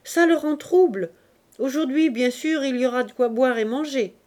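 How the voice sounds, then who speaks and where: A woman reading aloud voices a tall, coarse young laundress woman with a heavy cold, speaking up louder and livelier than her narration. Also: sits high, moderate pace, pitched above the performer's own voice, close to an everyday voice. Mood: casual.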